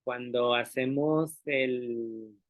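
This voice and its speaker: Very slowly and with a steady tone, a medium-pitched man gives an explanatory talk to other teachers about language, patiently checking understanding and modeling sounds aloud. The recording is dry and sounds tinny, as if over a phone.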